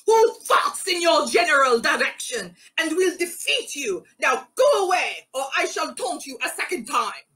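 A woman voicing a young male hero who shouts taunts at a giant king in an outrageous fake French accent. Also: high voice, very animated, moderate pace, few pauses, faint music behind, voice pushed up, full character voice. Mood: mocking. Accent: outrageous put-on French accent. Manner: shouted, mocking.

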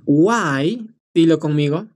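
Slow-talking woman teaching English. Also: low-pitched, lively intonation, a little mellow. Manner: encouraging, drills phrases slowly and repeats them. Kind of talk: live online English lesson.

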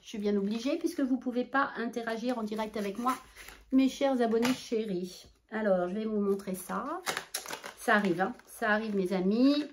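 A woman's voice: a little high, normal speed, noisy background. Chatty woman showing her shopping haul. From southwest France. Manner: animated, talkative, many fillers and asides to viewers. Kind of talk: chatty product haul vlog.

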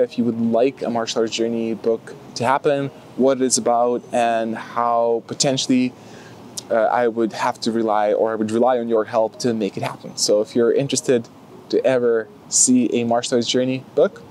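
This young adult martial arts vlogger speaks at a normal speed in a steady, medium-pitched voice with a darkish tone. His talk to the close-up camera on a grassy field is casual, with a Lithuanian accent and plenty of fillers and restarts. There's a little hiss or hum.

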